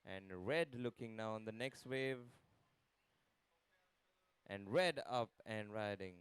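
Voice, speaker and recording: A man's voice: lowish voice, takes it slowly, smooth, no echo. A man giving live play-by-play and time calls as a commentator at a surfing contest.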